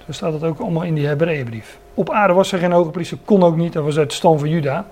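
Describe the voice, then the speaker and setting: Man, sermon, earnest Bible teaching, slightly high voice, stresses key phrases. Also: mellow. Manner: earnest, stresses key words, many restarts. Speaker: preacher.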